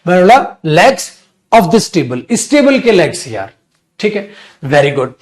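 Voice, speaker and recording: A man's voice: high-pitched, big pitch swings, takes it slowly. A middle-aged man with an Indian English accent teaching English grammar in a live class, coaxing his students and asking and answering his own questions. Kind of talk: live online class lecture.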